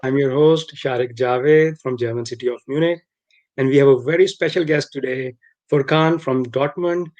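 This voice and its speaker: A man's voice: mid-range voice, fairly even intonation, normal speed, darkish tone, muffled recording. A man hosting a casual live interview, earnest and repeating and rephrasing his questions as he goes. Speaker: host.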